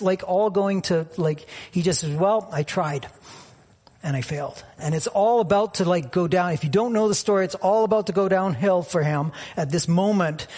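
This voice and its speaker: Male pastor, high husky voice, reflective storytelling sermon. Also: darkish tone. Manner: reflective, personal storytelling with frequent fillers.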